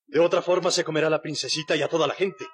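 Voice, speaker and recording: An actor playing a bold, heroic sailor adventurer in a children's audio adventure, with emphatic, declamatory delivery. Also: male voice, fairly high pitch, fairly even intonation, rapid-fire, close to an everyday voice. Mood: determined.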